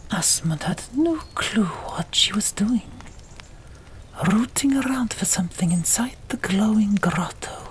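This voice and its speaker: Speaking in a breathy ASMR whisper, a woman narrates an audiobook at a medium pitch, hushed and deliberate, with pauses between short phrases.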